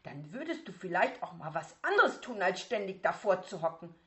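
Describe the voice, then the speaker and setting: A woman voicing a brisk, dismissive mother who scolds. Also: lowish voice, sing-song, bright, forceful tone. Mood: scolding.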